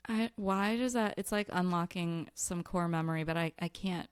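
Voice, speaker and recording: A woman's voice: lowish voice, normal speed, clean tone, no room sound, clean studio sound. A woman with a Chicago accent co-hosting a casual podcast chat, giggly and a little nervous. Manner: giggly, nervous, laughs a lot. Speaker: podcast co-host.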